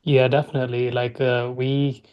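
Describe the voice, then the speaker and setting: A man's voice: medium pitch, level tone, normal speed, smooth, highs cut off. A man hosting an interview podcast, talking eagerly with loose grammar and frequent "like". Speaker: podcast host.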